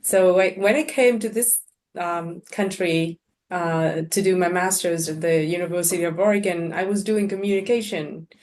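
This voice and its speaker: A woman from Vietnam, a native Vietnamese speaker, talks as a panel scholar on a video call. Her voice sits low, and she speaks hesitantly, with frequent fillers and restarts. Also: steady tone, normal speed, a little mellow. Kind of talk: webinar panel talk.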